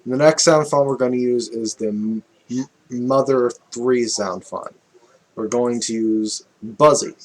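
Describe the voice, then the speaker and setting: A man talks at an unhurried pace through a relaxed music tutorial, stopping to think and correct himself as he goes. His pitch sits in an ordinary middle range, and bits of music play behind him. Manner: relaxed, thinking aloud with fillers and self-corrections. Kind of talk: casual screen-recorded music tutorial.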